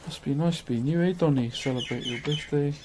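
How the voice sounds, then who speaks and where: With a fairly high pitch and a slightly fast delivery, a man greets viewers on his livestream. He talks in a broad New Zealand accent, easygoing, chummy and slangy. The clip has noticeable background noise.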